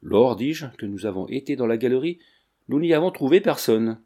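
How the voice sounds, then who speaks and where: A man reading the part of a frightened male servant who speaks in a halting, deferential, fearful way. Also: mid-range voice, lively intonation, dark tone, close to an everyday voice.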